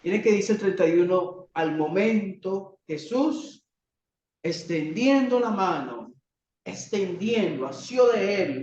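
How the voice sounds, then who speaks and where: Colombian male preacher, high slow voice, dramatic rhetorical sermon, echoey dull church recording. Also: darkish tone, recorded from a distance, a little hiss or hum. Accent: Colombian Spanish. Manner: dramatic, rhetorical questions, acts out cries.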